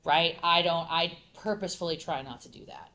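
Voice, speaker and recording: A woman middle school teacher speaking on a conference panel, animated and full of fillers and restarts. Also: lowish voice, a little fast.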